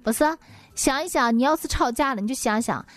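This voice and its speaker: A woman's voice: sits high, fairly quick, fairly bright tone, no echo. A woman host telling comic stories in a folksy, exclamatory monologue.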